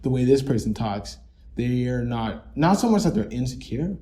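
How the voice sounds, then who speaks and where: Young male co-host, mellow mid-range voice, loose rambling delivery. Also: mid-range voice, sing-song, normal speed. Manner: rambling, many fillers and restarts. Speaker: podcast co-host. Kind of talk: casual reflective chat.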